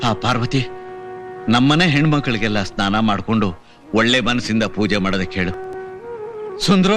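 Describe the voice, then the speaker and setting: A man's voice: lowish voice, animated, moderate pace, music in the background, natural voice. An older actor playing a worried village grandfather in a film drama. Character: fretful old village grandfather.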